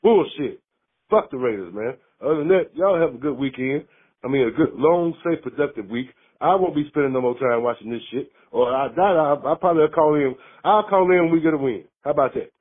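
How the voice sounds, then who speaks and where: A man's voice: fairly high pitch, animated, brisk, breathy edge. A man from Mississippi, calling in to a sports show and ranting angrily, swearing hard. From Mississippi, USA. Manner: angry, profane, fired-up ranting. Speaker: caller. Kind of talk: call-in sports rant. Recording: phone line.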